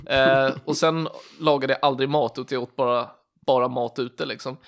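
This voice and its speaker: A man's voice: mid-range voice, fairly even intonation, creaky. A young man telling a rambling story in casual chat, full of fillers.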